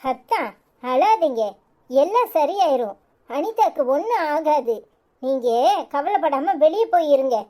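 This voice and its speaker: A woman voicing a calm elder sister who soothes and reassures in a lowered voice, with a Tirunelveli Tamil accent. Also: measured pace. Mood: reassuring.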